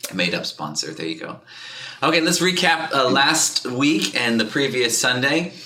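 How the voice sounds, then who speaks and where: Bright, chatty male podcast host. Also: medium pitch, moderate pace, reverberant. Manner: chatty, energetic, laughs often. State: out of breath. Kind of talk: casual chat. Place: church studio.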